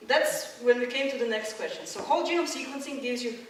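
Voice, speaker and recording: A Croatian woman gives a public science lecture with slides in a lecture hall, her voice a little high and brisk. She explains things step by step, with lots of fillers and restarts. The distant mic in the echoey hall also catches slight background noise.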